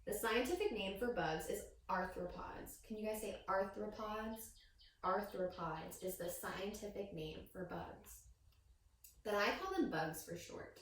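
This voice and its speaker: A teacher reads a picture book aloud to young children, telling the story expressively and asking her listeners questions. Her medium-pitched voice is unhurried. The distant microphone picks her up in a very echoey room.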